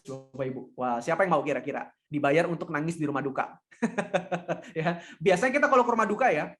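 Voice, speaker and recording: A man preaching a lively, conversational sermon who keeps asking the congregation questions. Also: high voice. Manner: asks the congregation rhetorical questions; acts out the voices of people in the story. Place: church hall. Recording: echoey church livestream.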